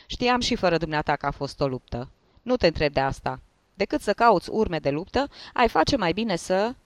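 A man playing an irritable, bossy middle-aged male investigating judge in a read-aloud story. He talks curtly and scolds, his voice slightly high, recorded dry and close. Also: very animated, dry recording. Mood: scolding. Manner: curt, scolding.

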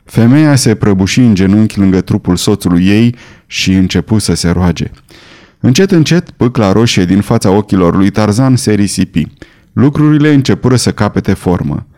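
A man reading a novel aloud in measured, dramatic audiobook narration. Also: fairly low pitch, mellow. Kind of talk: scripted narration.

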